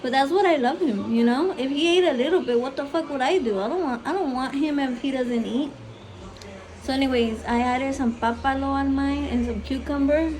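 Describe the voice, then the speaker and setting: In her home kitchen, a woman cooks and chats casually for a vlog, swearing freely and mixing English with Spanish. She speaks with a Mexican accent, Spanish being her native tongue, in a high-pitched, slightly mellow voice at a moderate pace.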